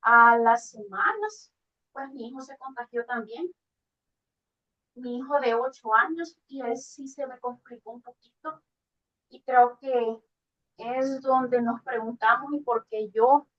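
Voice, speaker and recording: A woman from Guatemala giving a halting, emotional personal testimony on a phone video call, her voice dropping low when she is moved. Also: fairly bright tone, dull audio. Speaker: class participant sharing a testimony.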